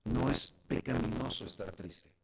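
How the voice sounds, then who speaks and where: A man's voice: mid-range voice, normal speed, creaky. A man preaching a sermon as pastor, speaking directly to the congregation.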